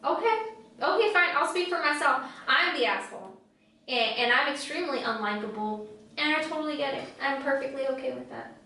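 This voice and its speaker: In a very echoey room with the mic far off, a woman co-hosting a podcast speaks in a high, gravelly voice with a sharp tone. She's expressive and brisk, rambling along in chatty conversation packed with "like."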